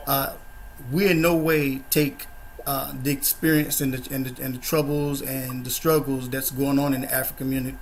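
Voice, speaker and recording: A man hosts a panel discussion over a video call. His pitch stays in the middle of a man's range but barely moves, so the delivery sounds even and monotone. He keeps it measured and pads it with uh and um. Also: slight background noise. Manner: measured, flat delivery with frequent uh and um fillers. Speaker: host of a discussion forum.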